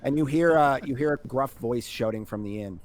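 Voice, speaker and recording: A man narrating a tabletop game casually as game master, halting and sweary. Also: mid-range voice.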